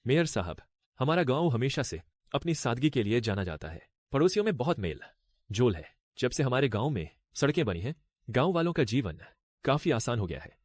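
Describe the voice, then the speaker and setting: A young man voicing a polite, smooth-talking village graduate who hides his deceit. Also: mid-range voice, very animated, a little fast, no echo. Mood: deferential. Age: young adult. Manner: eager, deferential, smooth-talking. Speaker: dubbing actor. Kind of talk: Hindi drama dub.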